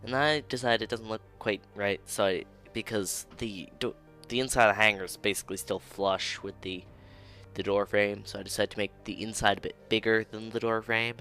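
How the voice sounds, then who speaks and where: A man's voice: fairly low pitch, steady tone, a little fast, sharp tone, faint music behind. A young man casually narrating his own 3D modeling build, laid-back and self-deprecating, chuckling now and then and sounding tired of rerecording. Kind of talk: casual screen-recorded commentary.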